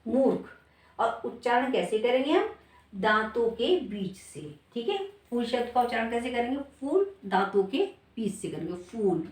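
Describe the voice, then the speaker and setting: A woman teaching a spelling lesson, her fairly high voice explaining each point slowly. She asks the class questions and then answers them herself. She sits back from the mic in a room with a lot of echo. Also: big pitch swings. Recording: echoey room, voice from far off.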